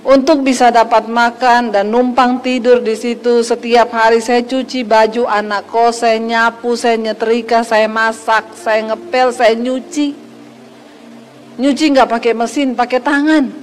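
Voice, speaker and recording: A woman's voice: level tone, measured pace. A woman in her forties from Central Sulawesi, a pastor telling her testimony in an emotional, storytelling sermon. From Poso, Central Sulawesi, Indonesia. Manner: emotional storytelling, rising to an impassioned pitch.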